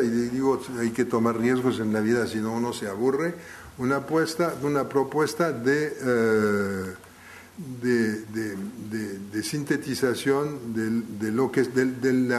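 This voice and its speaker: With a mid-range voice and some slight background noise, a man who is not a native speaker, and not a Spanish native, lectures to a live audience. His speech is halting, and he often restarts phrases as he thinks.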